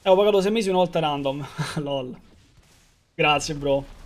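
Young streamer, high voice, casual joking banter with chat, loose and profane. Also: male voice, normal speed. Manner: rambling, joking, swearing, talks to chat. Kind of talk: live gaming stream chat.

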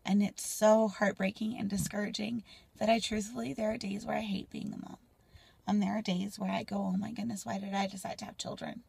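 A woman in her twenties talking candidly to a phone camera in a car, rambling and sometimes dropping to a soft near-whisper. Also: mid-range voice, little pitch movement, fairly quick, creaky, husky, no room sound. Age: 20s. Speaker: mom vlogger. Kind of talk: casual personal vlog. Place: parked car, indoors. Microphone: phone camera at arm's length.

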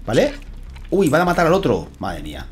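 A man with a Spain Spanish accent giving chatty, excitable live gameplay commentary, swearing and thanking his viewers. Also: a little high, fairly quick, soft background music. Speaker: gaming streamer.

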